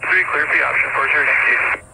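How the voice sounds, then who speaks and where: A man's voice: mid-range voice, fast, vocal fry, sharp tone. A man, a pilot over the radio, giving clipped air-traffic radio calls. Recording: noisy air-band radio scanner.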